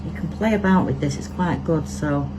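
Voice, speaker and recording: A resin crafter with a Manchester accent and fairly low voice chats at normal speed, thinking aloud as she demonstrates her hands-on tutorial, with steady background noise and traffic going by underneath.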